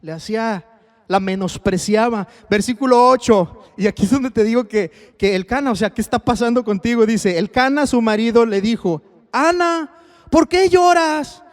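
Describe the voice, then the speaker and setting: A man's voice: sits high, fairly quick, in a large hall. A male pastor with a Mexican accent preaching on marriage in a conversational way, often asking the congregation questions. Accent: Mexican Spanish. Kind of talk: sermon on marriage. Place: church hall.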